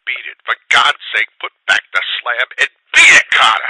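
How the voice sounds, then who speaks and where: A shaky, hoarse man yelling in terror down a crackly telephone line, as a narrator acts him out. His voice rides high and thin and swings wildly from whisper to shout, strained and piercing through the filter. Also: sing-song, a little slow, heavily acted. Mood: panicked. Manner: frantic, pleading, shaky and breathless. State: hoarse with fear. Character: terrified man calling up from a crypt. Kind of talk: dramatic audiobook reading.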